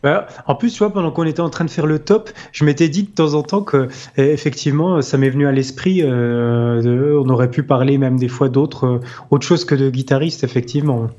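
Dull lo-fi recording, mellow male podcast co-host. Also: medium pitch, fairly quick, hardly any pauses. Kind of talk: casual podcast chat. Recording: dull lo-fi voice line.

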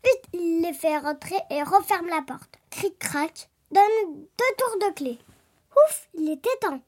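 A woman reading a children's fairy tale aloud in an expressive, lively storytelling manner. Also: extremely high pitch, takes it slowly.

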